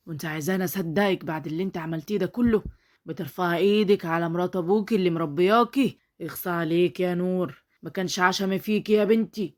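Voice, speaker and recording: A woman's voice: lowish voice, fast, natural voice. A woman with an Egyptian accent voicing an angry middle-aged father who scolds his daughter. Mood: scolding. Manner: reproachful, scolding.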